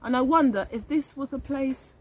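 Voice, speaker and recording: A middle-aged teacher of young children reads expressively in a leafy outdoor garden, addressing the kids directly and putting questions to them. She speaks at a moderate pace in a high-pitched, slightly mellow voice with a breathy edge.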